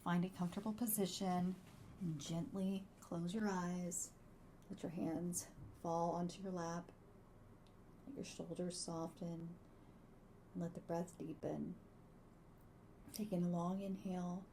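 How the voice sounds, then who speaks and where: A woman guiding a meditation in a soft, hushed, soothing voice that slips close to a whisper, unhurried and gentle. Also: on the low side, flat delivery, slight background noise. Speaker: host, wellbeing coach and meditation guide. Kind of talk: guided meditation.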